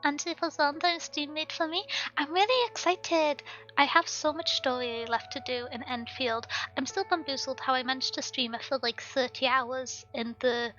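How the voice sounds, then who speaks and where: A woman's voice: high-pitched, fairly even intonation, moderate pace, hardly any pauses, sharp tone, lo-fi sound, soft background music. A woman chatting casually to viewers on a game livestream in a cute, bubbly, giggly anime-streamer manner.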